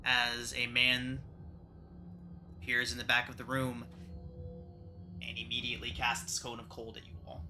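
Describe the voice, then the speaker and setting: Very bright-voiced male game master. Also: mid-range voice, completely flat delivery, measured pace, pauses often, faint music behind. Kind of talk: narrating a tabletop game.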